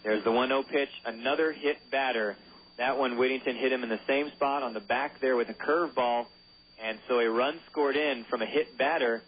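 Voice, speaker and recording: A man's voice: medium pitch, steady tone, moderate pace, slightly rough. A man calling baseball play-by-play on local radio, loose and joking, sometimes stumbling over player names. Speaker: play-by-play announcer. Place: ballpark broadcast booth. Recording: phone-line quality with faint hiss.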